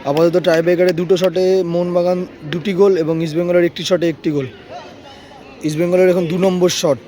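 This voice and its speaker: A man's voice: high-pitched, level tone, fast, warm tone. A man giving live football commentary on a penalty shootout, repeating phrases for emphasis, recorded outdoors. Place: outdoors at a local football match. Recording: outdoor recording with crowd noise.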